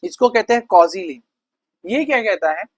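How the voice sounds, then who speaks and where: A male teacher giving a conversational law lecture. He reads definitions slowly, explains them quickly and casually, and keeps asking the class questions. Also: sits high, expressive, dry recording, poor audio. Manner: asks the class rhetorical questions.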